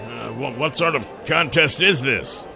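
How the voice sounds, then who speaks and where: A man's voice: medium pitch, unhurried, vocal fry, over music. A man playing a scaled, muscular young dragon-man hero who asks plain, blunt questions. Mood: wary.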